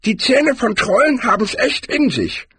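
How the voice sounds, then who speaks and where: A grizzled old barbarian in a storybook, boastful and lecturing, pitched far up in a thin, strained register with a husky edge. His voice swoops widely as he holds forth, close and dry. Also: sing-song, measured pace, fairly bright tone, no room sound, exaggerated voice.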